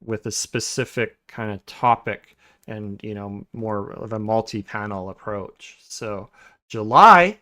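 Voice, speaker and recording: A man's voice: on the low side, takes it slowly. Laid-back man hosting a podcast. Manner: relaxed, many filler sounds and restarts. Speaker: podcast host. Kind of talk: casual podcast chat.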